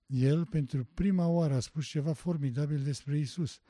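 Man, sermon, very deep mellow tone, dry close sound, emphatic, rhetorical questions. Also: no echo. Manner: emphatic, rising to loud passionate stress. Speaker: preacher.

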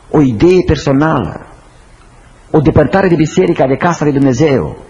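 A man preaching a sermon, swinging between high urgent pleas and slow, hushed low phrases. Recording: slightly dull lo-fi recording with faint noise.

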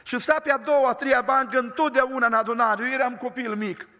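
An older man preaching a storytelling sermon, stressing his words by slowing down. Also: extremely high pitch, steady tone, bright, forceful tone. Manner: emphatic, slows words for stress. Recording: long reverb of a large hall.

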